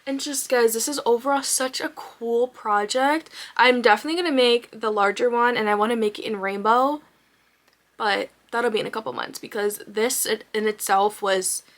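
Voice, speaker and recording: Bubbly young woman crochet vlogger. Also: fairly high pitch. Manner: bubbly, gushing, quick bursts of excitement. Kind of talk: casual chat to camera.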